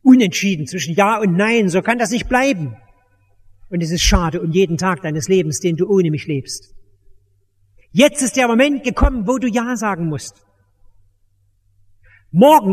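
A man's voice: high-pitched, expressive, moderate pace, pauses often, husky. A man preaching an evangelistic sermon at a church service, urgent and commanding, with emphatic repetition. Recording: echoey church hall.

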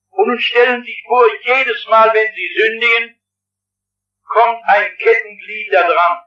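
A man's voice: sits high, sharp tone, muffled recording. A man preaching a sermon as a pastor, impassioned and often crying out, in an old distant hall recording. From partly Swabian. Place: large hall with audience.

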